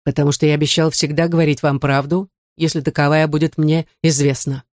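A man's voice: a little high, little pitch movement, fairly quick, a little mellow, no echo, lightly acted. Guy doing a proud dwarf count in a storybook, sarcastic and haughty, dry close sound.

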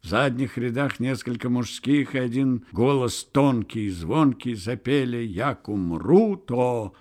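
A man narrating a literary audiobook in a measured, unhurried storytelling manner. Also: medium pitch, darkish tone.

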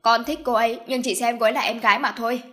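A woman's voice: fairly high pitch, steady tone, fast, bright, forceful tone. Woman reading as an indignant young son. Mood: protesting. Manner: protesting, agitated. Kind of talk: audiobook character voice.

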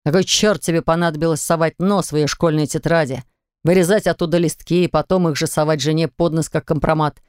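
A woman's voice: low-pitched, steady tone, a little mellow, clear, resonant tone, no room sound, studio quality, close to an everyday voice. Woman doing a stern, scolding older brother. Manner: slow, stern, hissing. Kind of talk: audiobook character reading.

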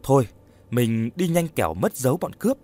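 A man's voice: mid-range voice, sing-song, moderate pace, mellow. A man voicing the tearful ghost of a young wife in a storybook horror tale. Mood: grieving. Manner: tearful, pleading. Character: grieving young wife's ghost, tender.

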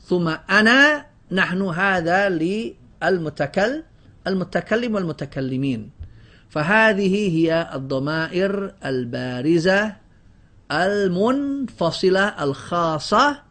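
A man's voice: high voice, lively intonation, slow pace, bright, forceful tone. A man teaching a grammar lesson to a class, drilling word lists and quizzing students with questions. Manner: often breaks off and restarts words.

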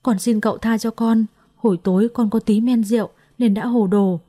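A woman's voice: fairly high pitch, fairly even intonation, brisk, warm tone, no room sound, clean studio sound, natural voice. A woman voicing a panicked young male servant who stammers and begs in a storybook reading. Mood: begging. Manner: stammering, begging.

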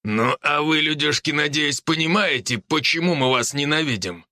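A battle-scarred wolf warlord snarls and mocks his foes, as a man voices him for an audiobook. His voice carries a bright, sharp edge and is recorded dry and close with no room sound. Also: on the high side, normal speed, no echo. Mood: mocking. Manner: growling, sneering, taunting. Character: scarred veteran wolf-beast warlord, mocking. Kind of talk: audiobook character voice.

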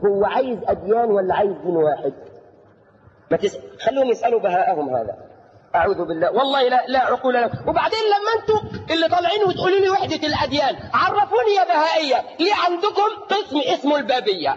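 High-pitched, fast Egyptian preacher. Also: male voice, big pitch swings. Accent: Egyptian Arabic. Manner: rhetorical questions leaving the last word for the audience; mocking, with shouted outbursts. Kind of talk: sermon. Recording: dull lo-fi tape in a reverberant hall.

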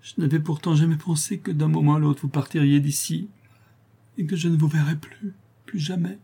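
A man's voice: a little high, fairly even intonation, fairly quick, dark tone, breathy edge, voice pushed up. A man doing a sobbing young woman prisoner. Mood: heartbroken. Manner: sobbing, pleading, fierce pride. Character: tearful young woman prisoner, expecting a child.

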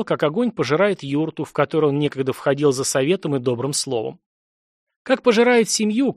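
A man narrating a fantasy audiobook in an expressive, dramatic reading style. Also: a little high, no room sound, clean studio sound.

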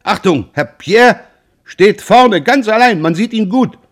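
A man's voice: medium pitch, sing-song, a little slow, gravelly, full character voice. A man reading aloud, voicing a boastful old sea captain who speaks proudly and emphatically. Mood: eager.

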